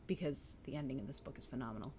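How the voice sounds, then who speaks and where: Rapid-fire and warm, her rumbling low voice drives a book-reading livestream she hosts, where she chats excitedly and reacts to comments from viewers. Slight background noise is audible.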